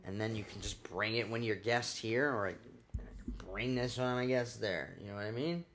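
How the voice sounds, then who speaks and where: A man's voice: on the low side, a little fast, fairly bright tone, a little hiss or hum. A man hosting a casual podcast, talking loosely and joking, swearing now and then. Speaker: podcast host.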